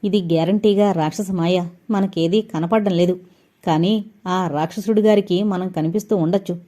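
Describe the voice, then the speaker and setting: A woman's voice: on the low side, steady tone, moderate pace, warm tone, natural voice. A woman voicing a timid, naive young man who asks fearful questions. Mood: scared.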